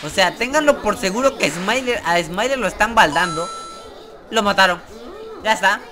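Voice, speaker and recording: A man giving excited gameplay commentary as a gaming YouTuber, swearing and yelping in fright. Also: sits high, moderate pace, crowd noise. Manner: jumpy, swears, yelps and screams in fright. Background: game music.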